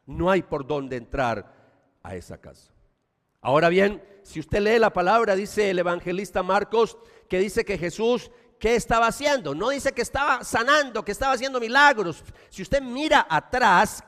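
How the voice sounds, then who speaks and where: Animated Paisa pastor preaching in a hall. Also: male voice, sits high, moderate pace. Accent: Colombian Paisa. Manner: animated preaching, swings from loud emphasis to quiet asides. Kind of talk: sermon.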